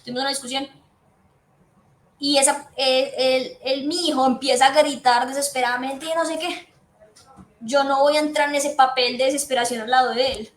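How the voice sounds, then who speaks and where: A woman's voice: sits high, fairly even intonation, moderate pace. A woman psychiatrist, giving an earnest, explanatory talk to patients' families and repeating her key points. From Colombia. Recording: echoey room with faint background noise.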